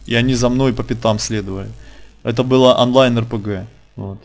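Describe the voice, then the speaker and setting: A man's voice: medium pitch, fairly even intonation, a little fast, creaky, darkish tone. A man hosting a casual online interview, talking colloquially and insistently, repeating phrases for emphasis. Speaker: interviewer and channel host.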